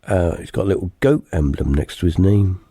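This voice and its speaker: A male podcast host talks in a casual, rambling and jokey way, often restarting his sentences. His voice sits somewhat low and sounds mellow and dark. The recording is dry and close. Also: fairly quick, slightly rough, dry recording. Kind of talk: casual chat.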